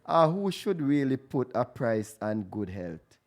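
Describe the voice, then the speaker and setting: A man's voice: mid-range voice, big pitch swings, measured pace. Enthusiastic man hosting radio talk. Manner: enthusiastic, stumbling restarts, addresses listeners directly. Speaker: radio show host. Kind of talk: radio talk show banter. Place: radio studio.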